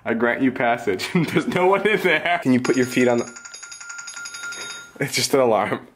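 A man's voice: medium pitch, animated, moderate pace, a bit bright. Young guy vlogging at home, laughs a lot, super bouncy voice, slight noise. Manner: giggly, playful, laughs often. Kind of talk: casual vlog chat.

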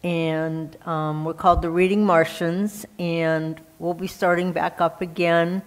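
A woman reading out church notices at a slow, unhurried pace, in a lowish voice. She is hesitant and pauses often to gather her words. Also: little pitch movement, low-quality recording. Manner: hesitant, many fillers. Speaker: church member giving announcements. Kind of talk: church announcements.

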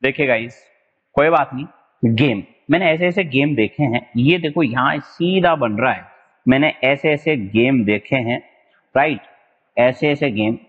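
A man from Rajasthan teaching English vocabulary for exams, mixing Hindi and English and repeating words slowly to stress them. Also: medium pitch, breathy edge, in a large hall, phone-quality sound. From Rajasthan, India. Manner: explains in a mix of Hindi and English, drawn-out repeated words, spells out letters. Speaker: exam-prep English teacher. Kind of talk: online vocabulary lesson.

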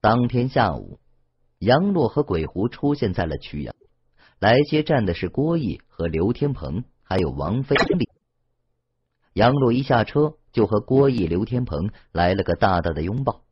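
一名男性有声小说演播者，用讲故事的方式朗读网络小说，录音音质发闷。. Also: male voice, lowish voice, normal speed, breathy edge, dry recording, lo-fi sound. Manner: steady, expressive storytelling. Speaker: audiobook narrator. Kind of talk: scripted audiobook narration.

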